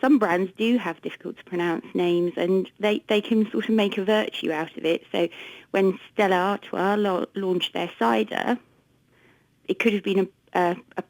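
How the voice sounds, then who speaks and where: A woman with an English accent talking as a research director on a radio interview, brisk, wry and explanatory. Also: mid-range voice, steady tone, a little mellow, no echo, poor audio. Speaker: consumer research director, studio guest. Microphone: studio microphone.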